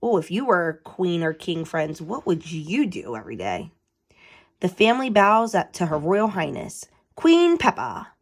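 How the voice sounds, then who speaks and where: A woman host reading a storybook aloud for children, animated and asking her listeners questions. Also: fairly low pitch, moderate pace.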